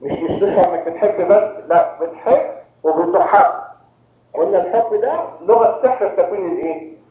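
A man's voice: high-pitched, fast, slight background noise. A man from Cairo with an Egyptian accent, a priest preaching a sermon and quizzing his listeners with rhetorical questions. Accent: Egyptian Arabic. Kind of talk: sermon to a congregation. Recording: very echoey tinny phone-like hall recording.

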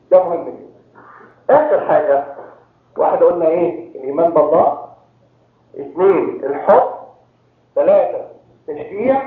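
A man from Cairo with an Egyptian accent, a priest preaching a sermon and quizzing his listeners with rhetorical questions. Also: sits high. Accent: Egyptian Arabic. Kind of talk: sermon to a congregation. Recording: very echoey tinny phone-like hall recording.

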